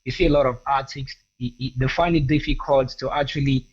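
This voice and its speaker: A man's voice: medium pitch, fairly even intonation, brisk, breathy edge, dull audio. Man with constant "you know" fillers. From Edo State, Nigeria. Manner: hesitant, full of "you know" fillers and restarts. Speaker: singer and guest. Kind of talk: radio interview.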